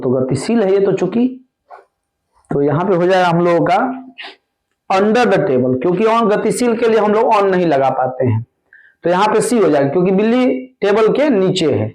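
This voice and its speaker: A man teaching an exam-prep grammar lesson, going slowly and repeating each answer word by word. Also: high-pitched, a little mellow, poor audio. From India. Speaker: English teacher.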